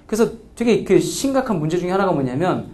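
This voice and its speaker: A man's voice: sits high, quick pace. A man lecturing on English grammar to a class, asking frequent questions and acting out pronunciations, slipping between casual and polite speech. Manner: lively, asks students frequent questions; acts out pronunciations.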